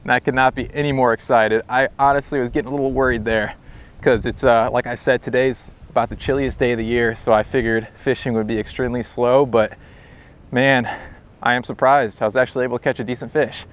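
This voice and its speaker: A young fishing vlogger from the United States talks casually to camera at a windy pond outdoors, easygoing and informal. His medium-pitched voice holds a steady tone and moves a little fast.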